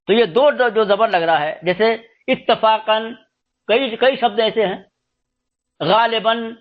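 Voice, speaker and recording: A man giving a slow, explanatory spoken lesson, spelling out letters one by one. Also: high voice, muffled recording. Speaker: teacher. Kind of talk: spoken lesson on script and pronunciation.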